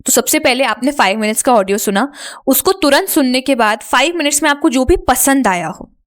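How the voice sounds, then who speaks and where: A woman's voice: sits high, animated, brisk. A woman with an Indian accent explaining an English speaking lesson in a chatty way, repeating points and checking in with "right?". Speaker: English teacher.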